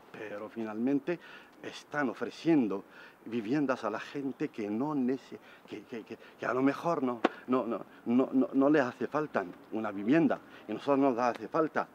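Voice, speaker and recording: A man in his forties speaking indignantly on a city street, halting and repeating words as he talks. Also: mid-range voice, muffled recording, slight background noise. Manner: halting, repeats words while searching for them; indignant, gestures and points while talking. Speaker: evicted resident interviewed on the street. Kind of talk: street interview. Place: city street outdoors beside a van. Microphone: camera mic at close range.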